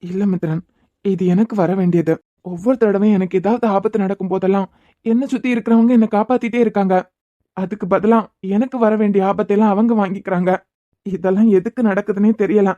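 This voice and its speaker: A woman's voice: medium pitch, steady tone, quick pace, warm tone, no room sound, highs cut off, lightly acted. A woman voicing a worried, self-blaming young engineer in a cartoon series, with a Kanyakumari Tamil accent. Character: guilt-ridden worried young man, engineer.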